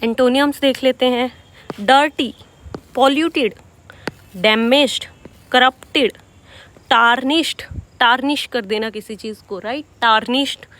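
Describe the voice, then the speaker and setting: A young woman with a high voice gives an exam-prep vocabulary lesson. She explains each word patiently and keeps checking in with her students. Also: measured pace, long pauses, a bit bright. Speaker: English vocabulary teacher.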